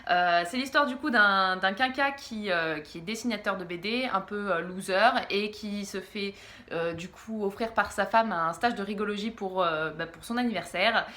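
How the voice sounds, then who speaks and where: A young woman reviewing graphic novels in a casual, halting way, giggling often and slurring a little because she is groggy from medication. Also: mid-range voice, bright, forceful tone. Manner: giggly, halting, stumbles over words. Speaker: book vlogger.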